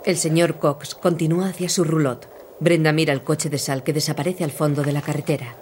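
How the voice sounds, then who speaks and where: A narrator reading scripted audio description in an even, neutral voice. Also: mid-range voice, fairly quick, slight background noise.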